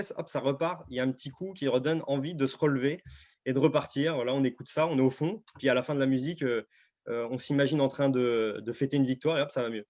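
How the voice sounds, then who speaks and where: A man's voice: medium pitch, darkish tone. Hesitant, filler-heavy American football coach, male, muffled video-call sound. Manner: hesitant, many fillers and restarts. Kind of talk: casual interview over video call.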